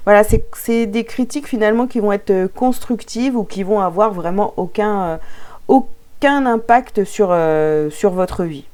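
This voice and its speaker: A woman's voice: medium pitch, warm tone. Woman card coach, chatty and hesitant. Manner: hesitant, many filler sounds, giggly asides. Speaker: coach reading oracle cards. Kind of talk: casual card-reading talk to viewers.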